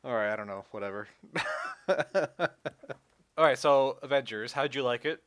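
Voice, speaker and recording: A man's voice: medium pitch, normal speed, fairly bright tone, no room sound, clean studio sound. A man hosting a casual podcast chat, laughing often and swearing casually. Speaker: podcast host.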